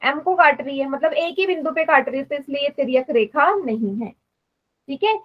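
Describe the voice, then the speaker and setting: A woman's voice: high-pitched, expressive, moderate pace, highs cut off. A woman teaching math in a live online class, patiently explaining and quizzing students. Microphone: online class stream.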